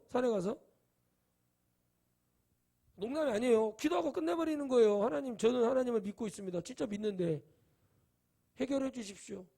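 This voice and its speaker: Male pastor, middle-aged, high-pitched. Sermon delivery with dramatic swings between soft asides and loud outbursts, plus acted-out quotes. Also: creaky. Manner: acts out quoted voices in his preaching.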